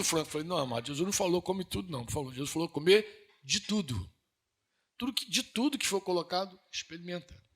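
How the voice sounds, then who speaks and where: A man preaching with a Brazilian Northeastern accent. His voice sits high and bright with a husky, breathy edge. He talks to his congregation in an earnest, conversational way, full of questions, and climbs to emphatic peaks. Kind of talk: sermon.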